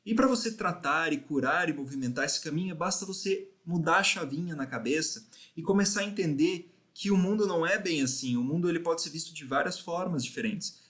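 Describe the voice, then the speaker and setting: A man's voice: on the high side, fairly bright tone. A man with a Brazilian Portuguese accent, teaching a class on acupuncture philosophy in a casual way, often adding "né?" to the end of his sentences. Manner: casual, frequently tags phrases with "né?". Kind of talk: recorded lecture.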